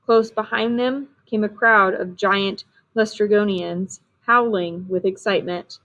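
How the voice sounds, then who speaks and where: A woman reading a storybook aloud in a steady, clear manner, on a dull lo-fi recording. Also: medium pitch, measured pace. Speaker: reader.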